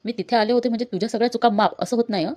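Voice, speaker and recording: A woman voicing a young married woman in a quarrel, reading her lines loud and raised. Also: on the high side, racing, voice pushed up, natural voice. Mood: angry.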